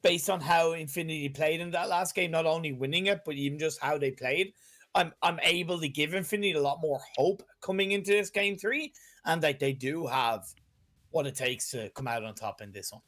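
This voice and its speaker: An Irish man casting a live esports match, his voice at an ordinary mid pitch. He talks in an easygoing, self-deprecating way, often restarting his sentences as he thinks aloud. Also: fairly quick, fairly bright tone. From Ireland. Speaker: esports caster. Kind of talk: live esports color commentary.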